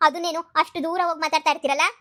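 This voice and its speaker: A woman's voice: extremely high pitch, steady tone, very fast, a bit bright. A woman voicing a jealous, nagging young wife who accuses and needles in a cartoon comedy. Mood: accusing. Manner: accusing, needling, repeats herself.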